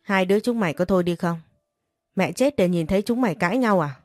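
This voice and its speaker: A woman's voice: on the low side, fast, dry recording, clean studio sound, faint music behind, lightly acted. A woman reading a story, voicing a stern older father who rebukes his quarrelling children.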